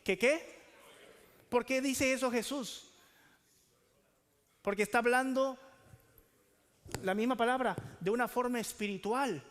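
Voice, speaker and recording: A man's voice: very high voice, unhurried, long pauses, a bit bright, long reverb tail. A man preaching a sermon as pastor, asking the congregation questions and calling for answers.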